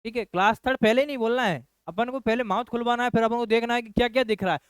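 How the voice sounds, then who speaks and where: Speaking very fast in a very high, clean voice on a dry recording, this male nursing coach talks to his students as if they were children. His lecture leans on repeated key phrases and a steady stream of rhetorical questions.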